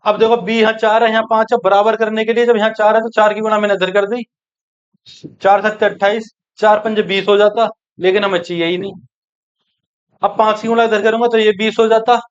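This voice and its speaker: A man teaching an exam-prep maths lesson, brisk and coaxing, who keeps checking that his students follow. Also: high-pitched, clear, resonant tone, lo-fi sound.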